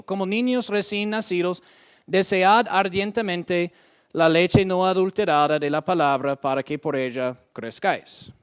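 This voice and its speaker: Slow, high-voiced preacher man. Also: clear, resonant tone. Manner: slow, deliberate delivery with frequent "¿ok?" check-ins; reads scripture aloud, drawing out quoted verses. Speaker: pastor. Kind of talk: sermon.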